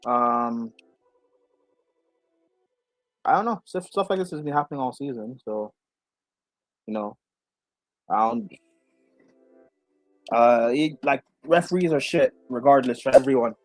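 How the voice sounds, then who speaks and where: A man chatting casually about football, halting and hesitant with many fillers, heard through a muffled, underwater-sounding microphone that keeps only the bass. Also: expressive, no room sound, soft background music. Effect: muffled underwater-sounding mic, bass only. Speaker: guest football pundit. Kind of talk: casual chat. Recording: muffled dull microphone audio.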